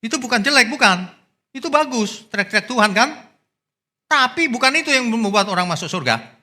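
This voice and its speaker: A male pastor preaching a sermon, swinging from loud exclamations to low asides. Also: lively intonation, brisk. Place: church.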